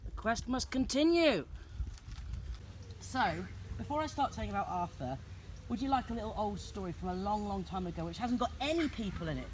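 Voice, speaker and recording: Brisk and animated, a man with a high voice tells stories outdoors in the countryside for his travel vlog. The recording is rough with slight background noise, and his theatrical delivery moves between narration and talk recorded on location.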